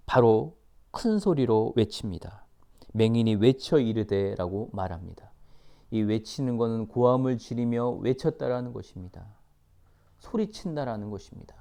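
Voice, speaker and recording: A missionary preacher, a man with a low, mellow voice, delivers a sermon. He reads scripture slowly and emphatically, repeating key phrases. At times he drops his voice to a whisper. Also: creaky, smooth.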